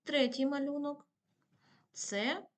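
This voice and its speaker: A woman's voice: high voice, takes it slowly. A woman teacher giving a patient video lesson to primary pupils, asking questions and answering them herself.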